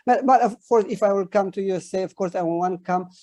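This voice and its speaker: A man with a Romanian accent, a native Romanian speaker, chatting casually as an interview guest and haltingly searching for words. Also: sits high, a little mellow, dry recording, clean studio sound.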